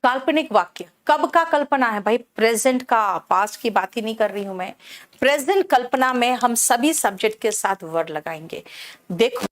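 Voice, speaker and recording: A woman teaching English in a live online class, explaining slowly and quizzing students by name. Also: a little high, animated.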